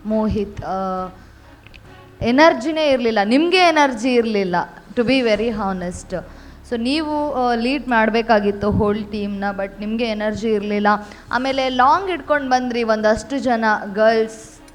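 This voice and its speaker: A woman's voice: a little high, measured pace, soft background music. A woman judging a dance competition, giving blunt critical feedback. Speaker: judge.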